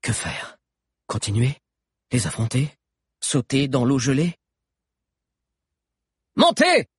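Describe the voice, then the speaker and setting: A man narrating an adventure audiobook with an expressive, dramatic reading. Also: medium pitch, measured pace, husky, no echo, clean studio sound. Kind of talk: scripted narration.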